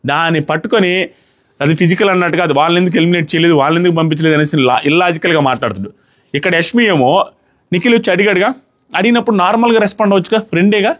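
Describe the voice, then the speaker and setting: Man, reality show reviewer, quick exasperated talk, high voice. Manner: exasperated, mimics contestants in high shouting voice. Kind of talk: animated episode review.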